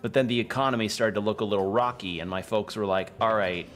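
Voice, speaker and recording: A young man streams a game and chats off the cuff. His voice sits fairly low. He rambles, backtracks to rephrase and swears casually, with some music underneath. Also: fairly even intonation, fast, a bit bright. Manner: rambling, self-correcting, profane. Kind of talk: casual chat while playing a video game.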